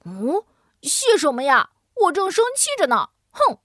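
Storybook piglet boy, sulky and whiny, high and jumpy as a woman puts him on. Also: lively intonation, moderate pace, a bit bright, no echo, clean studio sound. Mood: huffy. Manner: whiny, huffy, pouting. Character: grumpy little boy piglet, sulky and pouting.

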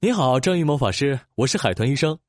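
A woman voicing a curious, polite dolphin doctor in a children's audio story, earnest and exclamatory, with a husky voice. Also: rumbling low, lively intonation, quick pace, a little mellow, no room sound, clean studio sound.

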